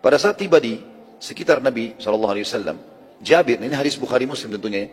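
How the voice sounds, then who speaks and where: Quick chatty guy giving a religious talk, echoey hall, soft music. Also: mid-range voice, animated, breathy edge. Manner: conversational, explains Arabic terms. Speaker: preacher. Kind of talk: storytelling religious lecture.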